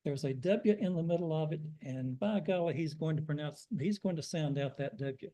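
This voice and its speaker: An older American man, a guest preacher, delivers a storytelling sermon full of folksy, self-deprecating anecdotes. His voice is on the high side and warm, at a moderate pace, over a rough recording.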